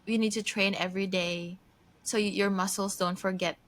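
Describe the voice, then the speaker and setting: Her medium-pitched voice is steady and a bit bright. She's a Filipina in her early thirties based in Japan, co-hosting a relaxed podcast with an old friend, often laughing and restarting sentences as she talks in quick bursts.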